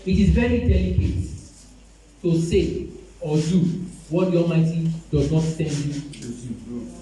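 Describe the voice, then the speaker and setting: A man preaching a sermon to his congregation, pleading and repeating himself with slow emphasis. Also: high-pitched, mellow, slight background noise. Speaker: apostle preaching. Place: church. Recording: echoey church hall, distant mic, faint music.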